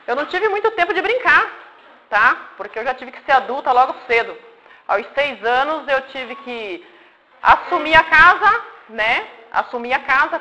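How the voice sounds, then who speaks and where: Telling her life story to children, a Paraná, Brazil woman in her forties uses a high, bright, forceful voice captured in low quality. The talk is informal with questions from the audience, and she keeps it simple and friendly, often adding "tá?" and "né?" to make sure they follow.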